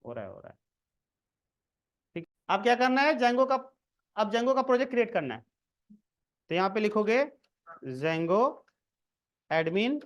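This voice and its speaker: A man's voice: high-pitched, big pitch swings, unhurried, long pauses. A man giving a casual screen-recorded coding lesson, talking the viewer through each step and checking in often. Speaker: programming tutor.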